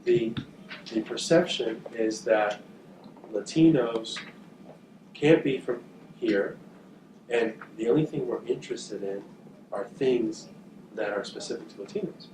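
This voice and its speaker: Speaking to journalism students, a man with a voice on the low side, from northern New Jersey, pauses often, repeats himself, and fills gaps with fillers as he thinks. The room echoes, the mic sounds distant, and background noise is audible.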